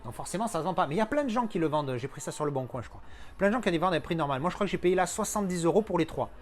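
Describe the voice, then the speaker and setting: A man's voice: fairly high pitch, animated, racing, soft background music. A man showing off his collector purchases in a casual unboxing chat, slangy and thinking aloud as he goes.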